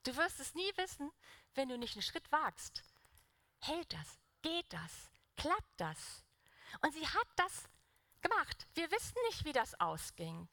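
A woman's voice: high-pitched, very animated, unhurried, gravelly, pushed and bright, dry recording. A young woman preaching a sermon in an earnest, conversational way, putting direct questions to the congregation.

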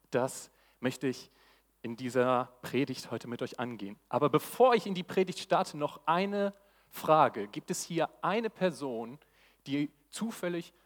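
A man preaching a live sermon to a church audience, eager and exclamatory in his delivery. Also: medium pitch. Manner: enthusiastic, exclamatory. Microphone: handheld mic. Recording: long hall reverb.

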